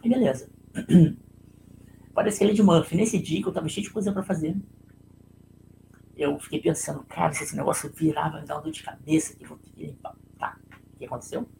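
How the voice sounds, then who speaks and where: A man's voice: fairly high pitch, fairly even intonation, brisk, vocal fry, long pauses, background noise. A man with a Brazilian Portuguese accent giving a conversational leadership talk on a live stream, telling a personal story and checking in with listeners through frequent tag questions.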